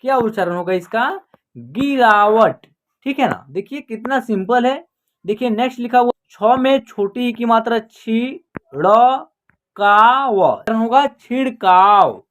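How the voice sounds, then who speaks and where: Online reading teacher; patient, letter-by-letter spelling, slow drawn-out words, very measured pace. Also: medium pitch, a bit bright. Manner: spells words out letter by letter, then says the whole word slowly and drawn out; patient, repeats each sentence in pieces. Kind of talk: online lesson for beginners.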